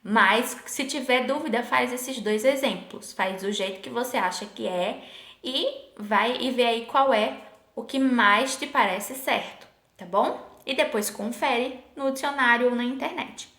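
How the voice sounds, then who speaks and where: A woman teaching a Portuguese lesson, patiently asking her students questions and slowing down to sound out example words. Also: on the high side, fairly bright tone. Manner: patient, asks the class questions, slows to spell out sample words. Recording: echoey room.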